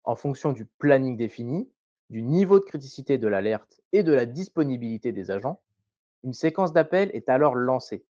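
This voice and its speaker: A man presenting a scripted tutorial voice-over in a measured, didactic way, carefully enunciated. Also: mid-range voice, expressive, warm tone, dry recording, dull audio.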